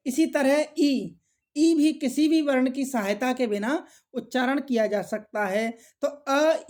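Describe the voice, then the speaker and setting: Slow, high-voiced woman teaching grammar. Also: a little mellow. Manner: slow, repetitive, asks and answers own questions; addresses viewers as friends. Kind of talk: exam-prep grammar lesson.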